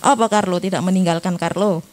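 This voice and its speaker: A woman's voice: fairly low pitch, steady tone, brisk, a little mellow, slight background noise. A middle-aged woman, giving a church youth talk in a chatty way, asking her listeners questions and ending lines with a tag "ya".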